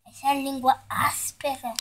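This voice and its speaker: Girl cooing at her dog on a phone vid, high voice, slow and pleading. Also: little pitch movement, slight background noise. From Brazil. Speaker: vlogger. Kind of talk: casual vlog, coaxing her pet.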